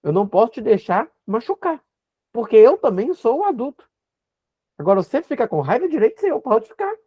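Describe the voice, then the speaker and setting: Man talking firm and lively, voice goes up and down a lot, sound kinda dull and lo-fi. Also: very high voice, brisk, husky. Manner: firm, explains with examples. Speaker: uncle sharing parenting views. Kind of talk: casual talk.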